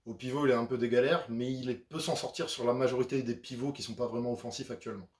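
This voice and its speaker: Male video host, chatty sports breakdown, mid-pitched, echoey room. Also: steady tone, fast. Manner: chatty, conversational with frequent fillers. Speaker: basketball YouTuber. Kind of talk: casual sports analysis.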